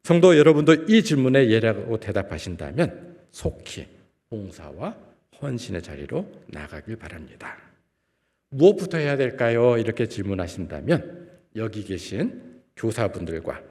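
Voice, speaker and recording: Male preacher, low and animated, builds loud then drops soft, recorded with long reverb in a church sanctuary. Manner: asks the congregation rhetorical questions; sweeps between loud and soft phrases. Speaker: guest preacher, professor. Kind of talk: sermon.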